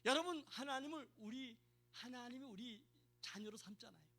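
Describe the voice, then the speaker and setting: High-pitched, forceful preaching man. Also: moderate pace. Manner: emphatic, calls out to the congregation for responses. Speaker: pastor. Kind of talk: sermon.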